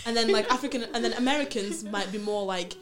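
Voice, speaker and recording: A woman chatting casually in a group, animated and playful in how she tells things. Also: on the high side, quick pace, crowd noise. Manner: animated, puts on playful voices when telling stories.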